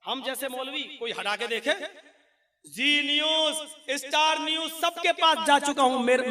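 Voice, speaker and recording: A man preaching an Islamic sermon. He speaks in an animated, joking way, tells anecdotes, and rises to loud exhortations. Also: very high voice, recorded from a distance. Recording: echoey hall.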